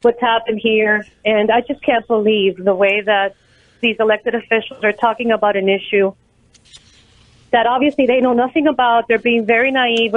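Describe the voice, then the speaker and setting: Calling in to a radio show over the telephone, an American woman with a fairly high voice talks earnestly and emphatically about politics. There's no echo on the line.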